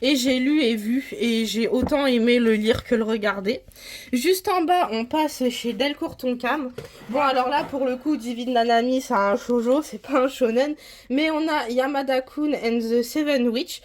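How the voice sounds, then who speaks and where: A woman's voice: high voice, a little slow, slight background noise. Chatty woman touring her manga shelves. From France. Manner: chatty, rambling, frequent hesitations. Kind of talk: casual vlog tour.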